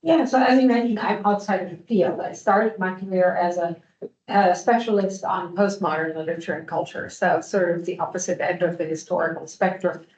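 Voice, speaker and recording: A woman in her fifties from Germany, a panel speaker explaining her work in a fluent, measured way. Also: lowish voice, steady tone, a little mellow. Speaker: invited speaker. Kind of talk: academic panel answer. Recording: echoey dull sound.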